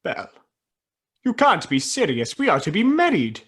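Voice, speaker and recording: An actor in a radio play voicing Ebenezer Scrooge as an anguished, defensive man who cares for money, with a husky, earnest delivery. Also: medium pitch, wildly swooping pitch, normal speed, fairly bright tone, full character voice. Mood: defensive, hurt. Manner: earnest, pleading, dramatic.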